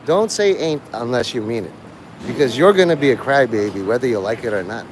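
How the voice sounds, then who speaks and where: A live streamer, a man with a medium-pitched, expressive voice, talks a little fast in a casual, rambling monologue to his listeners. He's blunt and digressive and swears freely. The recording is rough, with clear outdoor traffic and vehicle noise.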